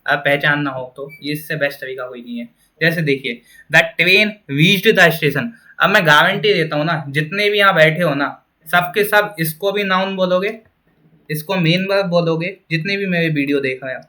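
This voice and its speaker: A man teaching grammar in a classroom style. He keeps asking the class questions and answers them himself, and he reads the example sentences very slowly. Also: on the high side, sharp tone.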